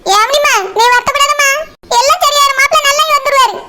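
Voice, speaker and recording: A woman's voice: extremely high pitch, fairly even intonation, quick pace. A woman voicing a fretful, superstitious village mother with a Kanyakumari Tamil accent, wailing and pleading. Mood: fretting. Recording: loud background noise.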